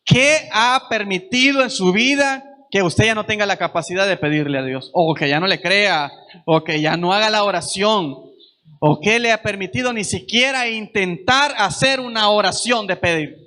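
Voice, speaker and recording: A man's voice: sits high, moderate pace, sharp tone. A man preaching a sermon at a church service, earnest and repeating phrases for emphasis.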